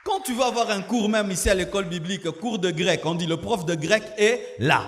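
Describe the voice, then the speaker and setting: Male pastor, fairly high voice, lively sermon delivery, long hall echo. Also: fairly quick. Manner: preaching with shouted mimicry and laughter.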